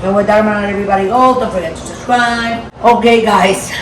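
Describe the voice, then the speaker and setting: A woman's voice: mid-range voice, steady tone, quick pace. A woman hosting a casual home cooking video, chatting to viewers in a conversational way and often checking for agreement. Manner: conversational, repeatedly seeking agreement. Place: home kitchen. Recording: roomy, noisy kitchen, distant mic.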